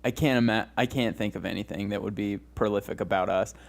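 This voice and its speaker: A man's voice: fairly low pitch, fairly even intonation, a little fast, vocal fry. Giggly, rambling young man co-host. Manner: rambling, giggly, with many restarts. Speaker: podcast co-host. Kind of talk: casual comedy chat.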